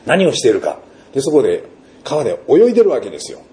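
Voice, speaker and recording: A man's voice: mid-range voice, huge pitch swings, fast talker, mellow. A man, a pastor, giving a sermon in a storytelling manner, with rhetorical questions and vivid sound words.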